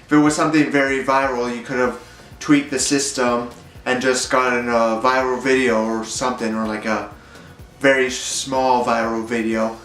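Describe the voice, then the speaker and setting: A man's voice: mid-range voice, little pitch movement, normal speed, a bit bright, echoey room, soft background music, rough recording. A young man rambling through a casual vlog monologue, hesitant and full of fillers. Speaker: YouTuber.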